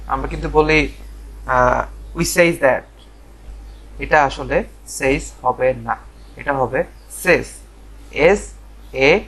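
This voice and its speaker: Slow-talking man teaching English pronunciation. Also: medium pitch, fairly bright tone, rough recording. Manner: slow, repeats words and spells them letter by letter; drawn-out fillers and pauses. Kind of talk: live online pronunciation class.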